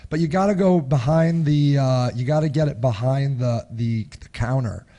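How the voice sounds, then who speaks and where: Speaking at a moderate pace in a mid-range voice with a dark tone, a middle-aged man hosts a live webinar while recovering from a cold, which makes him sound husky and raspy. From his small home office, close to a studio microphone, he chats in a rambling way, restarting often, chuckling, and using hand gestures.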